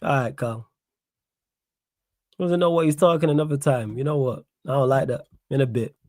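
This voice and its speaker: Reading his chat aloud, a young man with a Manchester accent hosts a live stream and retorts with indignation, often repeating himself to stress a point. His medium-pitched, darkish voice keeps a moderate pace. The audio is clean studio quality with no echo.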